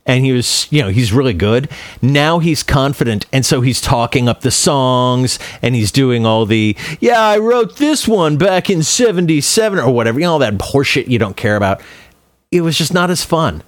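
This male podcast co-host, medium in pitch, gets profane and opinionated in casual talk about films and music, frequently restarting his phrases with repeated words. The recording is dry.

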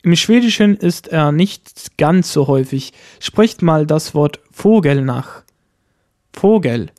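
A man teaching a pronunciation lesson, speaking carefully and saying example words slowly for learners to repeat. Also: fairly high pitch, expressive, a little mellow, no room sound, clean studio sound. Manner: slow, careful, model words spoken for repeating. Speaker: language teacher. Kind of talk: scripted language lesson.

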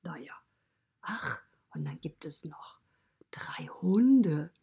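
Woman voicing a whispery, husky stable animal. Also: low voice, lively intonation, takes it slowly, dark tone, exaggerated voice. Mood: friendly. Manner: mostly whispered, chatty and confiding. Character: friendly stable animal narrator, fond of children. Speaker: storyteller. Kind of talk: children's podcast storytelling.

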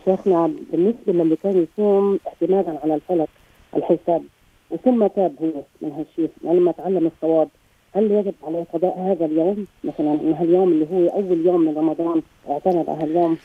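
A male caller asking questions over the phone, polite and quick. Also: a little high, steady tone, no echo. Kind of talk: phoning in a question. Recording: tinny husky phone line.

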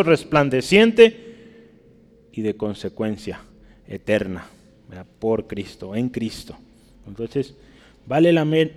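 A man's voice: lowish voice, a little mellow. A man preaching a sermon and reading scripture aloud, emphatic, often checking in with his listeners. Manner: emphatic, often asks "¿verdad?". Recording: long hall reverb.

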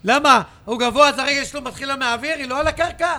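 A man arguing loudly and fierily in a sports debate, shouting over the others. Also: very high-pitched. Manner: loud, fiery, shouting and interrupting. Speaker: podcast panelist.

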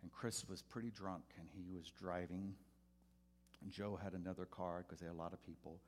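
A man preaching a sermon as a pastor, telling a personal story and loudly acting out the voices in it. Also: deep voice, normal speed, a little hiss or hum. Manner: animated, acts out voices loudly in quotes.

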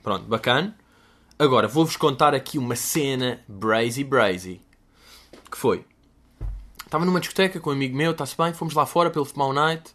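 A man in his twenties with a European Portuguese accent, telling stories on his podcast in an animated, slangy way and jumping into high voices to quote people. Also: a little fast. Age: 20s. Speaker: podcast host. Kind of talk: casual storytelling monologue.

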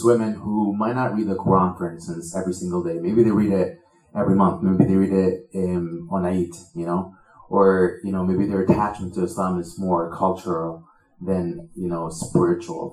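A man from Tunisia asking a question from the audience, hesitant with many pauses and ums. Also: low-pitched, fairly even intonation, a little mellow, reverberant, rough recording.

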